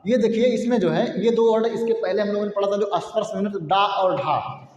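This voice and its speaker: A man's voice: high-pitched, steady tone, quick pace, dark tone, muffled recording. A male teacher giving a patient grammar lesson, asking and answering his own questions and sounding out syllables to show the difference. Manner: repetitive, explanatory, asks and answers own questions; demonstrates sounds aloud. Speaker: Hindi teacher. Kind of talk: classroom-style grammar lesson. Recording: echoey room with long reverb.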